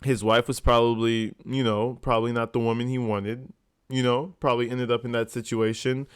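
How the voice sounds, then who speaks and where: A man's voice: mid-range voice, little pitch movement, normal speed, clean tone, no echo, clean studio sound. A man giving informal, incredulous commentary as a video host, swearing casually.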